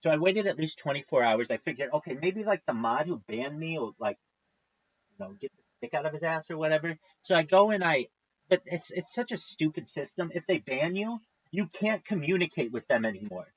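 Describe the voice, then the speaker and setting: A man's voice: a little high, lively intonation, brisk, breathy edge, dry recording, muffled recording. A man in his thirties, a livestreamer, tells a long story in a casual, profane, exasperated way. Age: 30s.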